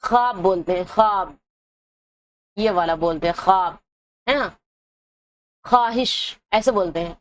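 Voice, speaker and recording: A woman's voice: medium pitch, pauses often, a little hiss or hum. A woman teaching an Urdu exam-prep lesson, asking her own questions and answering them, dragging out example words to show how they sound. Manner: drags out example words to show their pronunciation.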